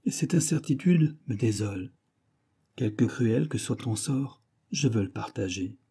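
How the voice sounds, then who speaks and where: A man voicing a tender young noblewoman bride, pleading earnestly with her husband in a husky voice. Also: mid-range voice, animated, a little slow, warm tone.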